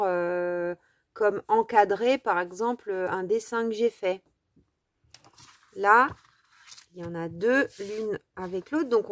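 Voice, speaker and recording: A woman's voice: mid-range voice, dry recording. A woman casually chatting through a craft haul for her followers, enthusiastic and full of fillers. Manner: chatty, enthusiastic about small items, lots of fillers. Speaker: craft vlogger showing a haul. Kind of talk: casual haul vlog, showing items to camera.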